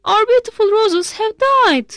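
A woman's voice: very high voice, expressive, measured pace, a bit bright, no room sound, clean studio sound, pitched above the performer's own voice, heavily acted. A woman voicing an upset little girl who pleads and cries out to her father in a read-aloud story. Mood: pleading. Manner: pleading and crying out.

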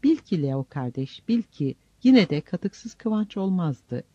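A man voicing a gentle, frail, humble friar who speaks softly and earnestly in a storybook reading. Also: high voice, very animated, slow pace, breathy edge, dry recording, exaggerated voice. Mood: earnest preaching. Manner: soft, pleading, earnest. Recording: dull lo-fi recording.

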